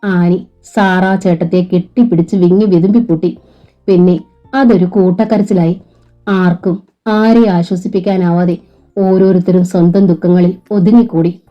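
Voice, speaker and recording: A woman narrating a novel aloud in a steady, emotive storytelling manner. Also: on the low side. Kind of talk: novel reading. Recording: muffled lo-fi recording with faint music.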